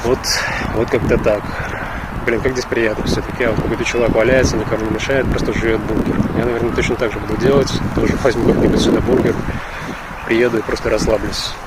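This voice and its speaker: A man from Russia, chatting in a halting, reflective way in a casual vlog recorded outdoors with wind on the mic. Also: fairly low pitch, flat delivery. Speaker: vlogger. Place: outdoors in a park. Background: wind and outdoor ambience.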